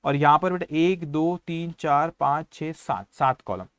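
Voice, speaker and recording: A man's voice: a little high, a little slow, fairly bright tone, clean tone, dry recording. A man with an Indian English accent giving an online accounting class, calling his students 'beta' and mixing Hindi with English terms. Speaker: accounting teacher.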